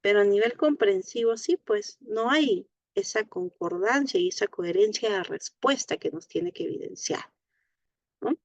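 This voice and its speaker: A woman's voice: medium pitch, lively intonation, no room sound, lo-fi sound. A woman teaching an online class on speech therapy, explaining patiently and checking in often with a questioning tag. She has a Latin American Spanish accent. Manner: explains slowly, frequent tag "¿no?".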